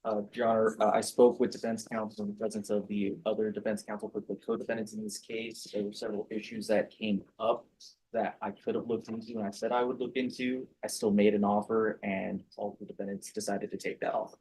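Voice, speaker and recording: A man speaking as prosecutor in a courtroom, quick and level, with hesitant fillers. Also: lowish voice, flat delivery, a little mellow, a little hiss or hum, rough recording. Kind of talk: courtroom statements.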